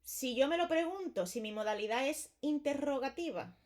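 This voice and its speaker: A woman teacher gives a casual exam-prep lesson on grammar, chatting through lots of repeated examples and frequently checking in with "vale". Her high voice has lively intonation, a moderate pace and a slightly mellow quality.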